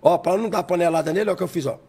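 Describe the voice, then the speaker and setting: A male chef, a podcast guest in a studio, telling an excitable story and repeating his phrases as he narrates a clip. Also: high voice, racing, creaky, breathy edge.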